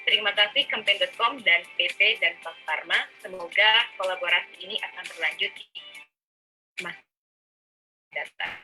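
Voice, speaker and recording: A woman's voice: lowish voice, moderate pace, long pauses, low-quality recording. A woman who founded an organization introduces herself and earnestly thanks the sponsors in a short video message. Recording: video clip with music behind. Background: music.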